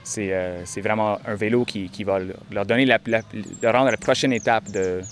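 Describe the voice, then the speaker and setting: A young man, answering interview questions in a halting way, often repeating words. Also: lowish voice, steady tone, slight background noise. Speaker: touring cyclist interviewee.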